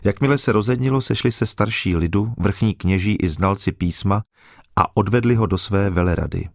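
Deep-voiced man reading scripture. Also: vocal fry, dry recording, clean studio sound. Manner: steady, solemn narration. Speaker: scripture reader.

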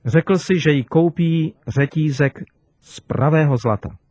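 A man preaching to children, telling a story gently and expressively. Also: on the high side, dry recording.

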